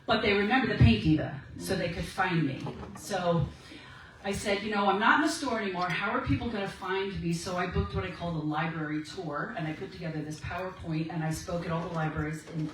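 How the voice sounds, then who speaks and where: A woman's voice: lowish voice, fairly even intonation, a little fast, distant mic, a little hiss or hum. A woman giving a personal testimony talk to a meeting, telling her story in a chatty way and acting out the quoted exchanges. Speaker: speaker at a women's ministry meeting. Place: meeting room. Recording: echoey room, voice from afar.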